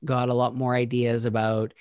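A man in a relaxed podcast conversation, thinking out loud about ideas and often pausing to restart his sentences. His voice sits at an ordinary middle pitch. The recording is close and dry, with no room sound. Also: clean tone, dry recording. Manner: thoughtful, halting, many restarts and fillers. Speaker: podcast co-host. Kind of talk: casual conversational discussion.

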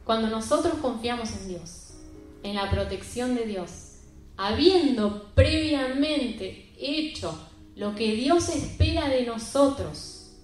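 A woman preaching a sermon and retelling a Bible story in an emphatic, conversational way. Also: a little high. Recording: very echoey room with faint music.

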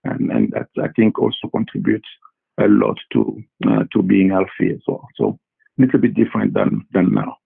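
A low, gravelly man who grew up in Congo talks through his answers, stumbling over repeats and fillers. His husky voice comes through a thin, phone-like line. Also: steady tone. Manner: halting, many fillers and repeated words. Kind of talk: casual interview answers.

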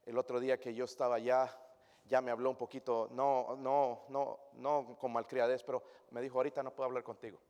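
A male preacher giving a sermon to his congregation, shifting from hushed, intimate tones to loud, emphatic preaching. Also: medium pitch, flat delivery, normal speed, clear, resonant tone, highs cut off. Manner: addresses the congregation directly as brothers and sisters. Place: church. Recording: long reverb of a church hall.

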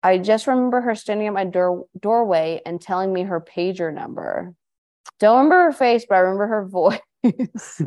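A woman's voice: mid-range voice, expressive, moderate pace, a little mellow. A woman co-hosting a casual podcast, chatting and reading listener stories aloud with her own asides. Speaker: podcast co-host.

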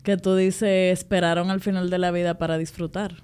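A woman's voice: fairly low pitch, little pitch movement, fairly quick, darkish tone, clear, resonant tone. A woman hosting a podcast, encouraging her guest with frequent affirming interjections. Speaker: podcast host. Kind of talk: casual interview conversation.

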